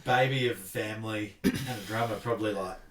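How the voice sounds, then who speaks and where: A man's voice: on the low side, brisk, distant mic, crowd noise. An Australian man in his thirties chatting casually as a podcast guest, laid-back and self-deprecating. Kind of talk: casual chat. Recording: roomy sound, off-mic.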